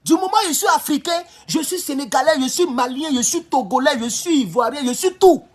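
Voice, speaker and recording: A man's voice: extremely high pitch, lively intonation, fairly quick. A man hosting a livestream, making an impassioned address to his viewers and repeating his rallying calls. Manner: fiery, repetitive, rallying. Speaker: livestream host.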